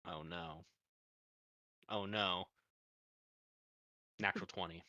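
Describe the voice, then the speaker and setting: A man's voice: deep voice, fairly even intonation, takes it slowly, pushed and bright, lo-fi sound. A man playing a tabletop game, chatting casually as he improvises his role.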